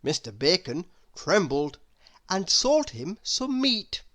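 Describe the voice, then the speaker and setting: A storybook narrator reading a children's tale aloud in an animated, expressive way. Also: medium pitch, slow. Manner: animated, expressive, with emphatic sound words. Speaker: storybook reader.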